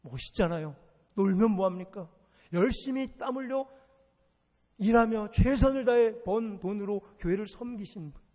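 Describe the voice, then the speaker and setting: A man's voice: high voice, normal speed, mellow. A man preaching a sermon as pastor, emphatic and repetitive, firing rhetorical questions at his congregation. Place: church sanctuary. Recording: long reverb of a church sanctuary.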